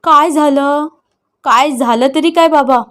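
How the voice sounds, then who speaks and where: A woman's voice: high-pitched, measured pace, fairly bright tone, pitched above the performer's own voice. Woman doing a tearful pleading old mother. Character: distressed elderly mother pleading.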